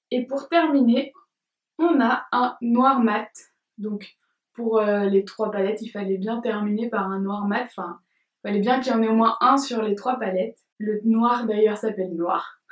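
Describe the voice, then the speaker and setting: A young woman vlogger reviewing makeup palettes, gently describing each shade and laughing softly now and then. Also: on the high side. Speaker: beauty vlogger. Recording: roomy sound, from a distance.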